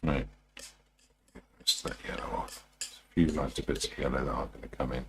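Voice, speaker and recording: A man talking through a live demonstration as a painting instructor, informal and unhurried, muttering his thoughts to himself as he works. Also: very deep voice, flat delivery, fairly bright tone, a little hiss or hum. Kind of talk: TV painting instructor style, musing aloud while demonstrating.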